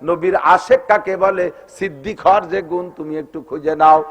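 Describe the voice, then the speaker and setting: Male waz preacher, high-pitched, sing-song verse with impassioned spoken bursts. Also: lo-fi sound. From Bangladesh. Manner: chants verses in a slow singing tone, then shouts in climaxes. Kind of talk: sung and spoken Islamic sermon.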